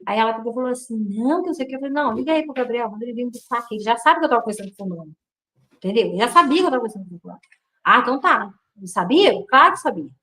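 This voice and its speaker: A woman's voice: fairly high pitch, rapid-fire, low-quality recording. A woman from Brazil telling her own life story in a casual way, acting out the dialogue she quotes. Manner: animated, acts out quoted dialogue.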